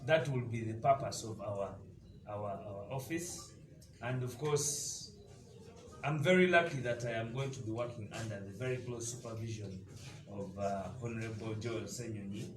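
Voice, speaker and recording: Far from the mic, a man with a lowish voice talks a little slowly. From eastern Uganda and carrying a Ugandan accent, the deputy party spokesperson gives a forceful, confrontational press statement, hesitating often. The room echoes and the audio, captured from afar, is noisy.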